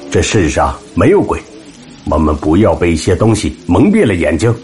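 A man voicing a calm, skeptical, level-headed man in a storybook, speaking firmly. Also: low voice, normal speed, faint music behind. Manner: firm, cool.

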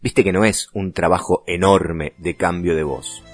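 A man with a Rioplatense Argentine accent teaching a lesson on vocal impressions in a playful, lively way. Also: low voice, unhurried, dry recording, clean studio sound, soft background music. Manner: lively and playful, slipping into voices.

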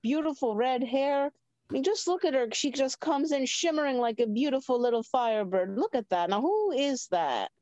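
A woman's voice: sits high, lively intonation, normal speed, darkish tone, no room sound. An insistent older man acted out by a woman in improvised story role-play. He rambles, repeats himself and goads in a folksy, old-fashioned way, recorded dry. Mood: excited, goading. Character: pushy, gleeful older man playing matchmaker, old-fashioned.

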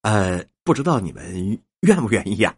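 A man voicing a polite, measured male newspaperman in a storybook reading, with a husky voice. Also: lowish voice, very animated, a little mellow, voice pushed down, heavily acted. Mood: courteous.

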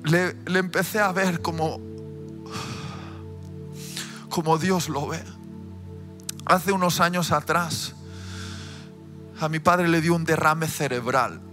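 A man preaching a sermon, telling a personal story and swinging from quiet storytelling to loud, impassioned preaching. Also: a little high, fairly even intonation, unhurried, pauses often. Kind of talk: emotional sermon testimony. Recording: music playing behind the voice.

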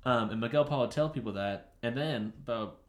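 A man in his twenties, a podcast co-host telling a rambling, animated story in casual chat. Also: medium pitch, fairly quick. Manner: rambling, animated, shouts out quoted lines. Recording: roomy echo.

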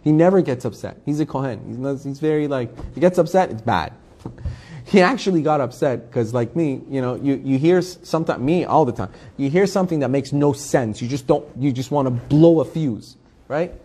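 A man's voice: mid-range voice, lively intonation, fairly quick, mellow, breathy edge. A man, a rabbi, teaching an informal class, talking with animation, repeating phrases for emphasis and putting questions to his listeners. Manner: asks the listeners direct questions. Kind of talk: informal spoken class to a group.

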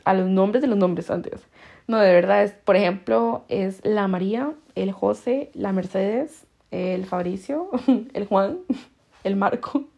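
Costa rican girl just chatting on her podcast, kinda dark raspy-fry voice, laughs a lot, tons of slang. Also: mid-range voice, slow pace, lo-fi sound. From Costa Rica. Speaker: podcast host. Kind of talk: casual storytelling chat.

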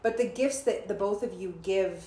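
Laughing often, a woman host shares a reflective story and thanks her guests during a warm podcast conversation. She speaks at normal speed in a mellow, mid-range voice, and the sound is roomy.

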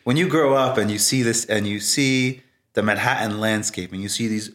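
A man's voice: lowish voice, moderate pace, a bit bright. A man talking casually and reflectively as an interview guest. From Brooklyn, New York.

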